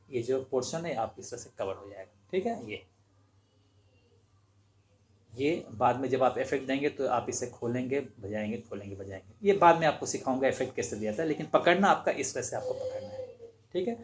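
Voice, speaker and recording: A man with a fairly high voice teaches harmonica to beginners, explaining patiently and repeating each step while demonstrating. There's a little hiss or hum in the recording.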